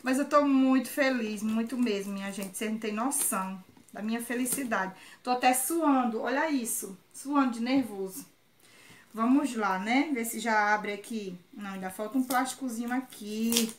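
A woman's voice: fairly high pitch, moderate pace, roomy sound, a little hiss or hum. A woman from Ceará with a Northeastern Brazilian accent, chatting effusively and exclaiming often as she unboxes on her vlog. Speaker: vlogger.

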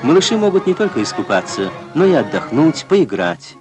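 A man's voice: fairly high pitch, big pitch swings, a little fast. A man giving a formal, declamatory voice-over for an old newsreel. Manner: formal, declamatory announcer delivery. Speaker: newsreel narrator. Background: newsreel music under the voice.

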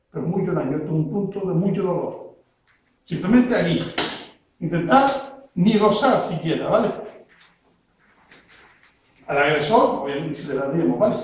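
High-voiced man teaching self-defense. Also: darkish tone. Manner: explains step by step, checks in constantly with the learner. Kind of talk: hands-on technique demonstration. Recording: very echoey room.

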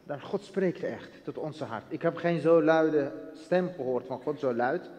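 Man with a high voice. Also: unhurried, darkish tone. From Iraq. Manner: earnest storytelling in broken Dutch, acting out dialogue. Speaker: guest giving testimony. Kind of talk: personal testimony interview. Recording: long hall reverb.

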